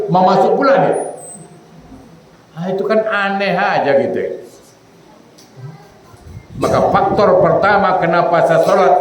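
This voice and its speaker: A man preaches a sermon in a somewhat high voice, heard from a distance in an echoey prayer hall. He keeps putting questions to the congregation and answering them himself. Faint hiss sits under the recording. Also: darkish tone. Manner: acts out quoted speech in a low, slow voice. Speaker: ustaz preacher.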